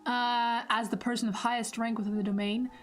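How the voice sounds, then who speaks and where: A woman's voice: fairly high pitch, level tone, fairly quick. A woman streamer playing a text game, reading its narration aloud in a rambling, self-deprecating way. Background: soft background music.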